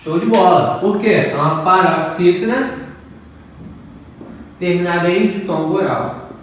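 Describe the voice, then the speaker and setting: A man's voice: high-pitched, lively intonation, measured pace. A man teaching a grammar lesson, working through exercises patiently, repeating the rules and checking in with his students often. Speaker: Portuguese teacher. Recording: echoey room, from far off, faint noise.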